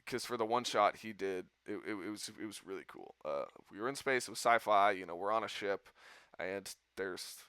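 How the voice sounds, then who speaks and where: A man's voice: fairly low pitch, normal speed, pushed and bright, clear, resonant tone, dry recording, studio quality. A man hosting a podcast, telling a rambling story in casual chat and laughing often. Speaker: podcast host.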